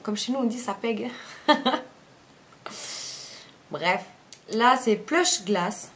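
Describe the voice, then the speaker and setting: A woman's voice: mid-range voice, a little slow, a bit bright, a little hiss or hum. Chatty woman. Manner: chatty, rambling, often corrects herself mid-sentence. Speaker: beauty vlogger. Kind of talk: casual makeup review chat.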